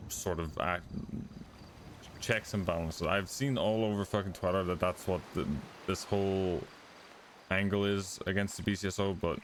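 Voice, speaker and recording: A very low-voiced man speaking in character as a motorcycle club member in a roleplay. His talk is blunt, firm and full of swearing. Faint night insects chirp behind him. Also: a little hiss or hum.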